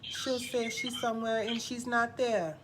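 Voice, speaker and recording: A woman playing a sassy, glamorous TV psychic who hosts a live call-in stream in a campy, drawn-out manner. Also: fairly high pitch, fairly even intonation, close to an everyday voice. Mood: brassy, attentive. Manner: campy, drawn-out, calls everyone darling. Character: sassy glamorous female TV psychic hotline host. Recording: noisy live stream audio.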